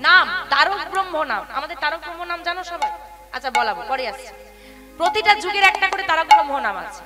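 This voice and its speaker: A woman with a very high, piercing voice gives a devotional kirtan sermon to a seated gathering. She keeps asking her listeners questions and slips into sing-song chanting of verses. Devotional music plays clearly underneath her speech. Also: expressive, fast talker. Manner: rhetorical questions to listeners, calls them baba. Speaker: kirtan singer and preacher. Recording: music playing behind speech.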